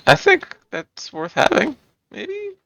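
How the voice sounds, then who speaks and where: A man playing a video game in casual chat, tired from an early start, excitable, with mumbled asides and sudden bright outbursts. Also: deep voice, brisk, creaky. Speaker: gamer playing. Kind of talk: casual let's play chat.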